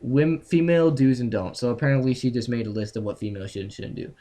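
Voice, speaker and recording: A man's voice: medium pitch, fast talker, dark tone. A young man hosting a casual podcast, ranting with lots of swearing while reading items off a list. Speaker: podcast host.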